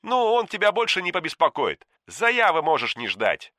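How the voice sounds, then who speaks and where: A man's voice: sits high, wildly swooping pitch, normal speed, bright, forceful tone, dry recording, clean studio sound, voice pushed up, full character voice. A man voicing Anton, a cocky, touchy young man who talks in a chatty, sly way. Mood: boastful. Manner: chatty, sly, easily offended. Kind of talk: audiobook character voice.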